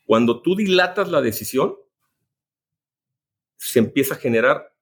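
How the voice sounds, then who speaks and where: A man's voice: mid-range voice, expressive, measured pace, slightly rough. A man with a Mexican Spanish accent, a business executive telling workplace anecdotes in a casual interview. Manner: anecdotal, many restarts and asides.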